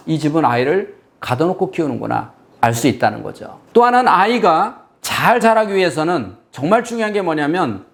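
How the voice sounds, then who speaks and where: A middle-aged man, a child development expert, lecturing viewers on raising children, speaking directly to them and acting out what children say. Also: on the high side. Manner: animated lecturer, addresses viewers directly, acts out children's lines. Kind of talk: lecture to camera.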